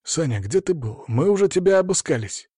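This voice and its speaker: Brief: man playing brash young buddy, loud and upbeat, slightly raised voice, dry studio sound. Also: fairly high pitch, expressive, brisk, slightly rough, dry recording, pitched above the performer's own voice. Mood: chummy. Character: brash young male friend, refereeing, jokey. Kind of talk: audiobook character voice.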